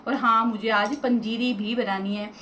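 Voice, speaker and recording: A talkative woman, speaking straight to her viewers in a home vlog. Her voice sits a little high, and it bounces around an echoey room with a faint hum of ambience behind her. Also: fairly even intonation, moderate pace, fairly bright tone. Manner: chatty, addresses viewers directly. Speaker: vlogger. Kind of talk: casual home vlog chat.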